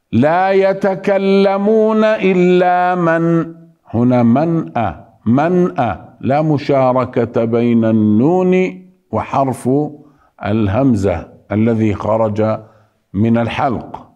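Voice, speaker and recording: Patient, slow-spoken male recitation teacher. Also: medium pitch, dark tone, highs cut off. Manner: patient, repeats single sounds slowly to drill them. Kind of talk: tajweed lesson with recited examples.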